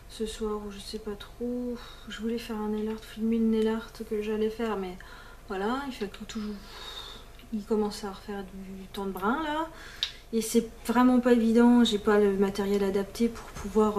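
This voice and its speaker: A beauty vlogger chats casually to the camera about her nail polishes and books, her talk full of fillers and restarts with English words slipped in now and then. Her voice is fairly high and darkish, with a little hiss or hum in the recording.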